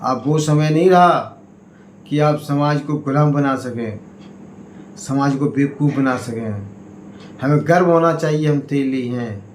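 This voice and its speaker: A man giving a political speech to community members, in slow, emphatic oratory that swings between raised appeals and low warnings. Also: slight background noise. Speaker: party state president. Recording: echoey room, faint ambience.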